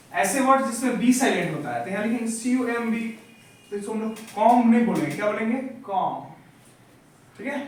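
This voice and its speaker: A man's voice: high-pitched, a little hiss or hum. A male teacher giving a classroom lecture, asking questions and having the class repeat the answers. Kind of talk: classroom lecture drilling vocabulary. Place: echoey classroom. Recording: echoey room, far from the mic.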